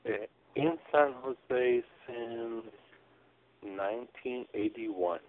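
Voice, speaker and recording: A man from Iran, a pastor, answering interview questions in a halting way with many pauses and fillers. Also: medium pitch, a little hiss or hum. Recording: phone-like narrow band.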